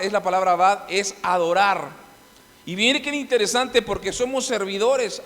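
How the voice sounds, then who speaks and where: A man's voice: sits high, a bit bright, long reverb tail. A middle-aged man preaching a sermon as pastor, emphatic, with frequent restarts and rhetorical questions to the congregation. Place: church hall.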